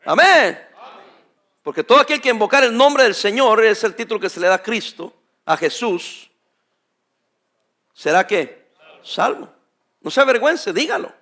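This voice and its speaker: A male pastor preaching a sermon, emphatic and addressing the congregation directly as brothers, often pausing so they can finish his phrases. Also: high-pitched, animated, pushed and bright.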